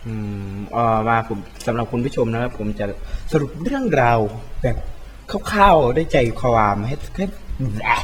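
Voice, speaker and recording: A young man from Thailand chats through a game in a playful, rambling way, slipping into Isan dialect words. He trips over his words and keeps correcting himself, at an ordinary middle pitch. Faint background noise sits under his voice. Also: lively intonation, normal speed. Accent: Thai with Isan dialect words. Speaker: game commentator. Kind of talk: casual gameplay commentary.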